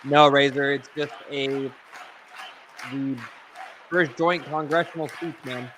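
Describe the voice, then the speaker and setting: A man's voice: mid-range voice, steady tone, takes it slowly, fairly bright tone, some chatter behind, a little hiss or hum, low-quality recording. A man giving casual livestream commentary, talking to his viewers in slangy, informal language. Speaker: livestream host and day trader.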